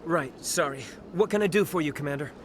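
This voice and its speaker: Man playing an awkward, higher-voiced young private. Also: brisk, background noise, close to an everyday voice. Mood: startled, eager. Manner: stammering, flustered. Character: young male human private, awkward and eager. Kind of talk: video game dialogue acting.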